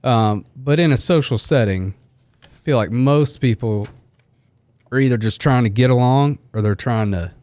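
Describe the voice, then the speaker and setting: A man's voice: medium pitch, moderate pace, a little mellow, no echo. Casual podcast host, man in his forties, easygoing and reflective, dry close sound. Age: 40s. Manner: easygoing, reflective, laughs often. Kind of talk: casual chat.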